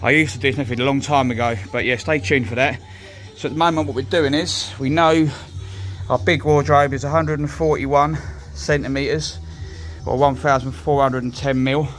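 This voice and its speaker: Brief: joiner, mid-pitched, casual how-to talk on a phone mic, faint music behind. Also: male voice, steady tone, moderate pace, a bit bright. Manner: plain-spoken, talks while working, swears now and then. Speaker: joiner showing a build. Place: indoors on a job site with stairs. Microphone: handheld phone.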